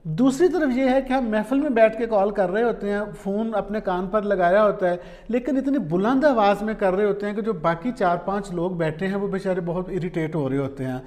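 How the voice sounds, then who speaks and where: A Pakistani-accented man in his forties, who works as a vlogger, journalist and columnist, speaks to camera from a desk in a small quiet room. His voice is high-pitched with a darkish tone, and he gives casual, explanatory advice sprinkled with English words.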